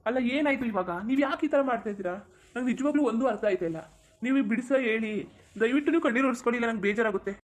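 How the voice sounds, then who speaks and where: A performer doing a young husband in a cartoon who keeps reassuring his wife in a soothing way. He speaks very fast at a mid pitch. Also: natural voice. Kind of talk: cartoon voice acting.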